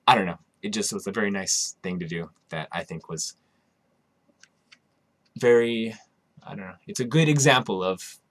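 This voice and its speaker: A man with a very low voice tells a story in a loose, casual monologue, doubling back and restarting his sentences as he goes. The sound is dry and close, with almost no room around it. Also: fairly bright tone, no echo. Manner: rambling, with frequent restarts and asides. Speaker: podcast host; musician.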